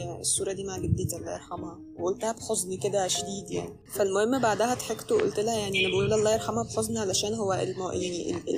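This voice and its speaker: A woman with an Egyptian accent in casual chat, playful and animated as she tells stories, with music playing underneath. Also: mid-range voice. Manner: playful, laughs easily, animated storytelling.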